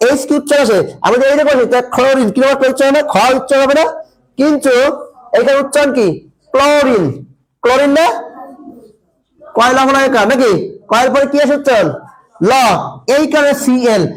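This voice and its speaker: A man's voice: very high-pitched, poor audio. A male teacher giving a chemistry lesson in casual Bengali. He asks his students questions, answers them himself and repeats the key points. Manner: colloquial, dialect-tinged Bengali.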